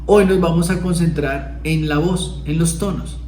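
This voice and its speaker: Man, casual video lesson, demonstrative delivery, somewhat high voice, roomy echo. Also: steady tone, unhurried, a little mellow, soft background music. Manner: demonstrative, acting out emotional tones of voice. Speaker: video host teaching communication. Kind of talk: casual explanatory talk to camera.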